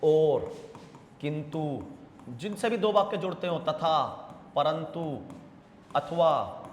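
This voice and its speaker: Male exam-prep grammar teacher, higher pitch, drills answers by repetition, echoing room. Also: expressive, takes it slowly, a little hiss or hum. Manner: calls students 'bhaiya' and 'beta'. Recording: echoey room with long reverb.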